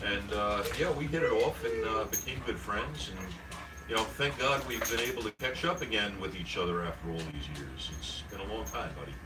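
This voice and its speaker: Low-voiced middle-aged man. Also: brisk, poor audio. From Queens, New York City. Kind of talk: casual storytelling.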